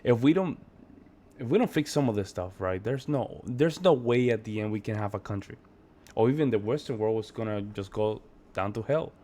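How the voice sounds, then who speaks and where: A man's voice: on the low side, animated, moderate pace, dark tone. A man from Puerto Rico giving casual, emphatic reaction commentary. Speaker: reaction video host.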